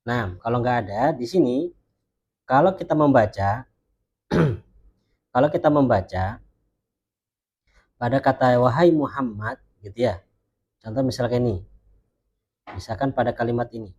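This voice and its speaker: A man teaching Arabic grammar in an online class, who explains patiently and says example phrases slowly and carefully. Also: mid-range voice, a little mellow, slightly rough, lo-fi sound.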